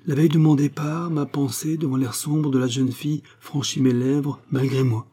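A man reading a first-person literary short story aloud, in a measured, dramatic storytelling manner. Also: medium pitch, fairly even intonation, dark tone, husky. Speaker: narrator.

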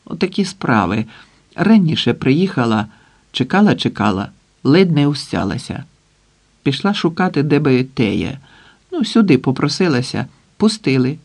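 A man voicing a calm, down-to-earth middle-aged woman who whispers matter-of-factly in an audiobook. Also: mid-range voice, moderate pace. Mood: calm whispering. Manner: hushed, matter-of-fact.

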